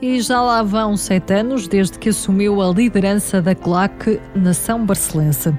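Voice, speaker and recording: A woman reporter with a European Portuguese accent narrates a scripted feature. Her pitch is average, and faint music plays behind her. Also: a little slow, darkish tone. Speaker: reporter and interviewer.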